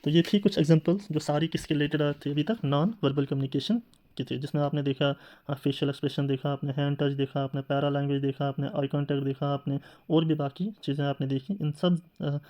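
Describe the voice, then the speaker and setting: A man's voice: a little high, steady tone, fast, warm tone. Man lecturing with rhetorical questions. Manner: explains with rhetorical questions and fillers. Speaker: teacher. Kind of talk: classroom lecture.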